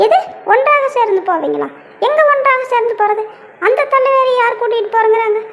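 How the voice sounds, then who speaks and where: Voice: extremely high pitch, lively intonation, brisk, fairly bright tone, slight background noise, heavily acted. A voice actor putting on an angry older brother in a cartoon, scolding and threatening.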